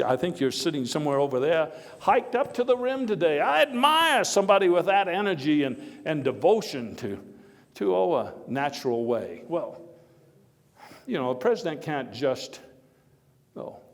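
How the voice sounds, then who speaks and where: A living-history performer, voice on the high side, channels a hearty, opinionated former American president for an audience, telling stories haltingly with wry laughs and emphatic bursts, and taking questions. He comes across vigorous and emphatic. The hall is echoey with a long reverb.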